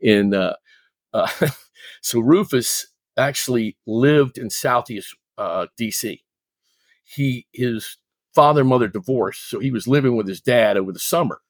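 A man's voice: medium pitch, measured pace, no echo. A middle-aged man speaks as a guest coach, his voice in the middle of the male range. He talks earnestly and drives his points home by repeating them. The sound is dry and close. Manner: earnest, emphatic, repeating for weight. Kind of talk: interview storytelling.

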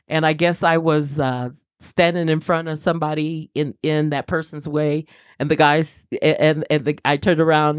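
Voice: mid-range voice, no room sound. A podcast host giving an inspirational talk on faith and daily life. The host speaks with animation, laughs often and acts out the people they quote. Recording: slightly dull, dry sound.

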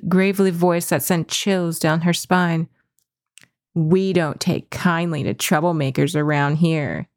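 A woman reading a dream story aloud in a measured, reflective way, then musing on what it means. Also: lowish voice, no echo, studio quality.

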